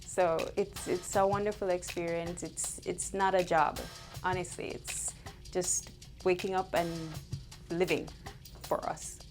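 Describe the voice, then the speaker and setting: A woman's voice: lowish voice, flat delivery, unhurried, soft background music. A woman from Jamaica, co-founder of a wellness business, speaking candidly and unhurriedly in an interview. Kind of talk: casual interview answers.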